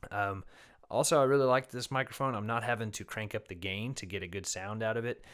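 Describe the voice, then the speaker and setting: A music teacher gives a casual review and demo of a condenser microphone in a small, fairly dead room, using no pop filter and shifting his distance from the mic. He rambles in a relaxed way with many fillers, talking a little fast. His voice is slightly low because he's getting over an illness.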